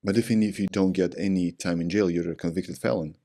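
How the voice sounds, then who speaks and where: A man interviewing a guest, cutting in with short, quick follow-up questions. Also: sits low, steady tone, mellow.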